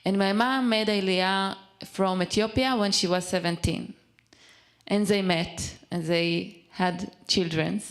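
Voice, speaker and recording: A young woman from Israel, a native Hebrew speaker, telling her personal story in halting English, often pausing and restarting as she searches for words. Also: mid-range voice, steady tone. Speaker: speaker at a community event. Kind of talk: personal testimony.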